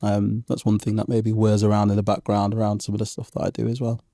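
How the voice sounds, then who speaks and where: A man's voice: lowish voice, completely flat delivery, fast talker, creaky, dark tone, no room sound, clean studio sound. A man in his thirties who grew up in England, talking reflectively in an interview with many ums and restarts. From Zambian parents, raised in England from age one. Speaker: podcast guest. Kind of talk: conversational interview.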